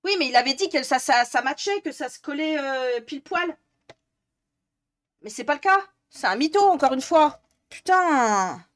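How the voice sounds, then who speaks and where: A woman's voice: sits high, expressive, normal speed, dry recording. A young woman from northern France, live-streaming and chatting with viewers, exasperated and swearing often. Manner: exasperated, swears a lot, talks to chat. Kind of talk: live-stream chat while coloring.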